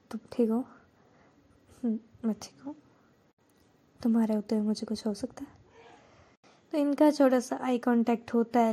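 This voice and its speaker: A woman storyteller narrating a romance in a relaxed, conversational way, mixing in English words. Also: fairly high pitch.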